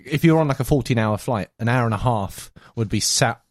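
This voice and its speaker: A man's voice: mid-range voice, a little fast, no room sound. Guy rambling on a podcast, lots of likes and ums, dry close sound. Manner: animated, rambling with fillers. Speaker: podcast guest. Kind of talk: casual chat.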